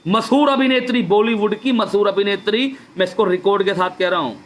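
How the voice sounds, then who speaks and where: Fervent high-voiced man on a live stream. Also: brisk, slight background noise. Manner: fervent, repetitive, rhetorical questions. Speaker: activist speaking on a Facebook live stream. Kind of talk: impassioned live-stream address. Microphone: phone or webcam for a live stream.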